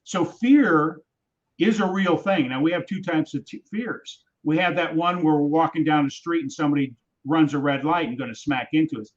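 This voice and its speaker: Male coach, livestream guest; emphatic, motivational, a bit high-pitched, dull lo-fi audio. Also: moderate pace. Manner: emphatic, motivational, repeats key phrases. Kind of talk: livestream chat. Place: home in Wisconsin.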